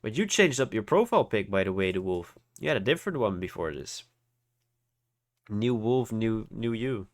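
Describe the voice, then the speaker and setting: Animated and speaking at normal speed, a man with a lowish voice hosts a live online trading tutorial as a voice-over. He sounds congested from hay fever. His teaching style is informal, with regular checks that listeners are following.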